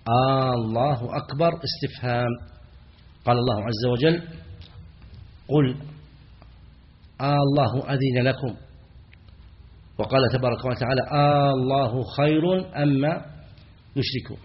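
Sheikh lecturing, dull lo-fi recording. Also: male voice, medium pitch, a little hiss or hum. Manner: asks students rhetorical questions, then answers himself; slowly chants the example phrases aloud. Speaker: sheikh teaching jurisprudence. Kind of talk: classroom lecture on errors in the call to prayer.

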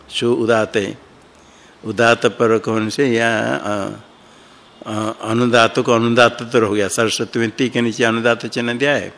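A man works through a grammar text like a teacher in class. His voice sits low and his pace is very unhurried. He pauses, repeats terms and corrects himself as he thinks aloud. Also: fairly bright tone.

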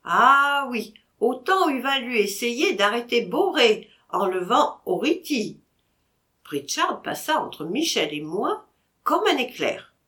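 Woman audiobook narrator, slow measured pace, animated pitch, acts out the characters. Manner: lively expressive reading, voicing each character. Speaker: audiobook reader. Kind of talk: scripted narration of a classic novel.

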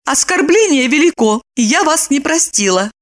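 A woman voicing a proud, touchy young woman who takes offense quickly and speaks in a shrill, indignant way. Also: animated. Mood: sharp.

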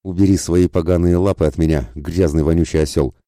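A man voicing a proud, quick-tempered young woman in an audiobook, indignant, with a trembling voice. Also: deep voice, warm tone, no echo, studio quality, close to an everyday voice.

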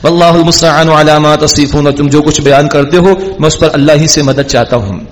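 A male scholar teaches a Quran commentary lesson, chanting verses slowly before explaining them with humor. His voice sits a little high. A long hall reverb trails behind every phrase. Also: steady tone.

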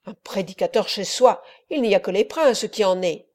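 A man's voice: sits high, moderate pace, darkish tone, natural voice. A woman reading an elderly friar in an audiobook, fervent and preaching. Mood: pleading. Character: impassioned elderly male friar, pleading then wrathful.

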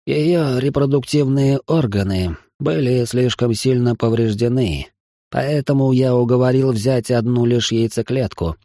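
Old guilty family doctor, read by a man, slow, heavy delivery, mellow tone, dry booth sound. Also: medium pitch, no room sound, voice pushed up, close to an everyday voice. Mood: confessing. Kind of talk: audiobook character voice.

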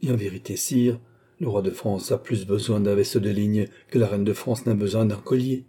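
A man voicing a dignified young queen in an audiobook, earnest and firm in his measured reading. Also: fairly low pitch, steady tone, warm tone, husky.

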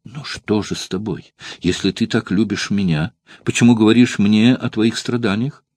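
A man's voice: lowish voice, animated, unhurried, dry recording. A man voicing a desperate young Roman noblewoman in love, pleading and close to sobbing. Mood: tearful pleading. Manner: pleading, on the verge of sobs.

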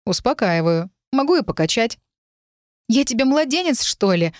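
In a storybook, a woman reader plays a stubborn, tearful young woman who yells in a higher pitch, voice lifting well above her usual low tone. The recording is close and dry, with no room sound. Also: lively intonation, fairly quick, dry recording, lightly acted. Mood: indignant. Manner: shouting in raised pitch.

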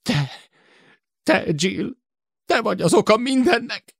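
A shrill, near-hysterical young man, as a male reader puts him on for an audiobook. He yells his accusations high above the narrator's own register. The delivery is very dry and close. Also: very animated, gravelly, breathy edge, no room sound, exaggerated voice. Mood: bitter. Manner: shouting, hissing, near-hysterical.

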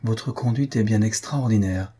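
A man's voice: lowish voice, normal speed, dark tone, slightly rough. A man voicing an anxious male fiancé who presses with urgent, insistent questions. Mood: shaken.

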